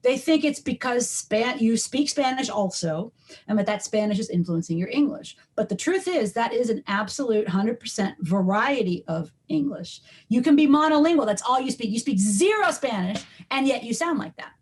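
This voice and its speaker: On the high side and slightly rough, this woman's voice has lively intonation and a normal pace. A middle-aged linguistics professor from New York, she guests on a podcast interview, her long explanations dotted with ums and false starts.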